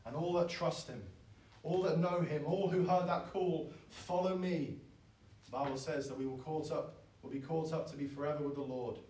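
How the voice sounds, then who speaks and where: A man, preaching a sermon in an earnest, pleading way that swells loud and then drops soft. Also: on the high side, fairly even intonation, normal speed, a little hiss or hum. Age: 20s. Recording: echoey, from far off.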